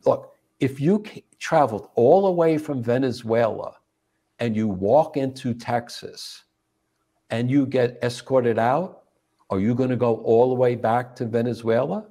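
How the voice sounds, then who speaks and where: A man co-host makes a political argument step by step, leaning on rhetorical questions. His tone is mellow and dark, and his pitch sits in an average range. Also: a little slow. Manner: argues point by point with rhetorical questions. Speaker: co-host of a political commentary show.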